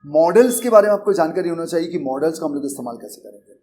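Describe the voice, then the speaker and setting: A middle-aged man with an Indian accent gives a lesson in an earnest, conversational way, blending English words into his Hindi. His voice sits a touch high. He circles back over his points as he explains them. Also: animated, rapid-fire, a little mellow. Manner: earnest, repetitive, conversational teaching with English terms mixed into Hindi. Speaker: English teacher and coaching institute founder. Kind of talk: Hindi lecture on learning English.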